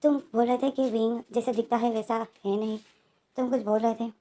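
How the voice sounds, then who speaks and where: A woman voicing a calm, puzzled young man in a retold story, reading his lines plainly in her own mellow voice. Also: fairly high pitch, fairly quick, close to an everyday voice. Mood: earnest.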